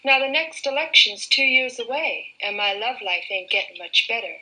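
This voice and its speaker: A woman's voice: a little high, animated, normal speed, bright, forceful tone, low-quality recording. An actress playing a sassy, brash young woman in a film clip, drawling as she wheedles. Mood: wheedling.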